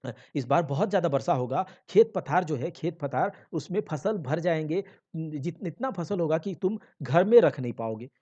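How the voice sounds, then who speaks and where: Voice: mid-range voice, animated, moderate pace, warm tone. A teacher explains a play line by line, repeating phrases for the class. The recording is dull and lo-fi.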